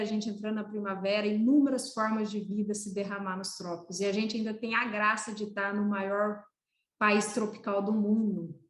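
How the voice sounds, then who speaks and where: A Brazilian woman veterinarian, a guest in an interview, talking in an earnest, poetic and emphatic way. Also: medium pitch. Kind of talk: reflective interview talk. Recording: roomy echoey sound.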